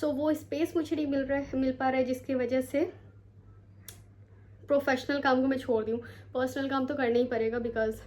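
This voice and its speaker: A young woman from India vlogs at home into a handheld phone camera. Her voice sits high and light, and she rambles in a casual, chatty way, tossing English words in as she goes. She sounds worn out after standing all day. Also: fairly even intonation, normal speed, darkish tone. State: tired, sore feet. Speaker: vlogger. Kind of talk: casual vlog chat to camera. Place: home, bedroom.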